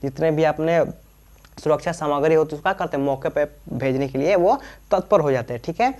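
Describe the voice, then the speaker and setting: A man teaches aviation terms in an informal explainer lesson, speaking briskly in a somewhat high, slightly mellow voice. He repeats himself, asks questions and answers them himself, and often adds check-in tags.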